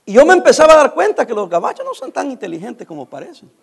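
Lively high-voiced Mexican man telling stories. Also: fast talker, vocal fry. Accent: Mexican Spanish. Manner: animated, acts out dialogue, laughs while telling. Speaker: storyteller. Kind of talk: casual anecdote to listeners.

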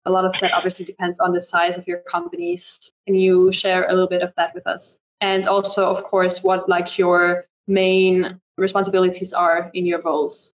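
A woman's voice: on the low side, normal speed, few pauses. A woman moderating a panel discussion over a video call, friendly and conversational. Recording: dull lo-fi sound.

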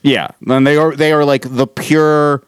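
Guy chatting on a podcast, smooth clear voice, dry close sound, rambly and jokey. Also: a little high, steady tone, unhurried, dry recording. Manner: rambling, laughing, swearing. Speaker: podcast co-host. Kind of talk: casual chat.

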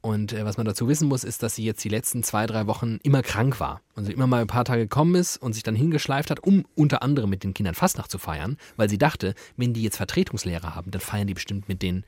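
A man co-hosting a podcast, telling anecdotes in a casual, animated way with lots of fillers. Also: lowish voice, fast, few pauses, husky, no echo, studio quality. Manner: animated storytelling, many fillers. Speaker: podcast co-host. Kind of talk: casual chat.

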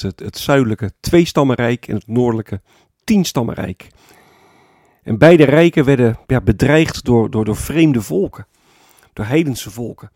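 A man preaching a sermon as pastor, explaining calmly and often adding a tag word to his points. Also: mid-range voice, no room sound, clean studio sound. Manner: calm explanatory preaching with frequent "hè" tags.

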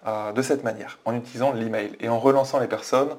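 A man's voice: mid-range voice, steady tone, quick pace, a little mellow. A man narrates a screen-share review of a web page. He explains things in a hesitant way, with plenty of fillers and restarts, and he often turns to his viewers to ask them directly. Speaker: online business coach. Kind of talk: screen-share walkthrough commentary.

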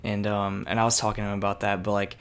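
A young man co-hosting a casual history podcast, chatty and relaxed, often saying "like". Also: fairly low pitch, fast talker, smooth. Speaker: podcast co-host.

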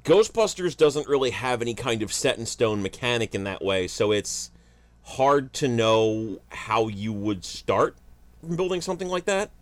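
A man's voice: mid-range voice, expressive, moderate pace, no echo. A man chatting casually on a podcast, blunt, offhand and joking. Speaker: podcast co-host. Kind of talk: casual chat.

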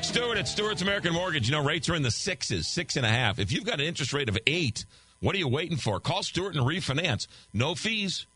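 Faint music plays behind a fast-talking older man whose slightly high voice is sing-song, pushed, bright, and husky. He's hosting a call-in radio show in a studio, reading listener texts and ad copy loosely and conversationally into a studio microphone as he loses his voice.

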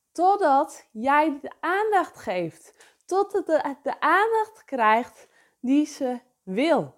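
A woman giving an unscripted motivational talk as a coach, earnest and repeating phrases for emphasis, often restarting her sentences. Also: sits high.

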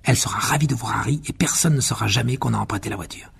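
A man's voice: mid-range voice, racing, vocal fry, a bit bright, slightly rough, full character voice. A man voicing a mischievous teenage wizard boy who whispers a sneaky plan, for an audiobook. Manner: conspiratorial whisper. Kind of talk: audiobook character voice.

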